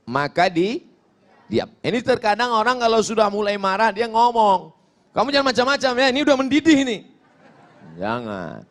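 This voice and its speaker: High-voiced man preaching with emphatic swings. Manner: emphatic, swinging between shouted stresses and low asides, joking; quotes Arabic prayers and verses in a chanting tone. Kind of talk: sermon.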